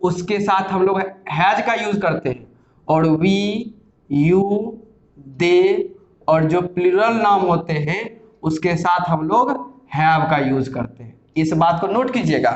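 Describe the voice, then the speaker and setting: A man teaching English grammar in Hindi, explaining step by step and asking and answering his own questions, reading English sentences out slowly. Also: high-pitched, expressive. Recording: echoey room, slightly dull sound.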